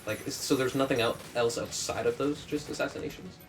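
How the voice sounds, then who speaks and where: A man's voice: medium pitch, steady tone, a little fast, over music. A man asking curious, probing questions in a casual chat. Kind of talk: casual group chat about dreams.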